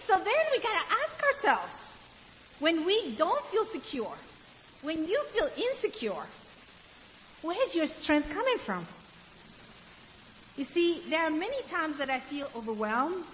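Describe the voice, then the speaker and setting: A high-pitched woman from Ecuador delivers a sermon to a room of women as a women's ministry speaker, posing questions and answering them herself while slowing down to stress key words. The recording is dull and hissy, made in a reverberant hall.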